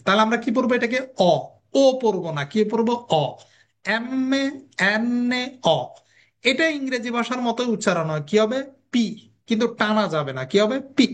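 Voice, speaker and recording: A teacher with a mid-range, somewhat bright voice leads a recorded language lesson, asking and then answering their own questions. They drill pronunciation by repeating every sound slowly.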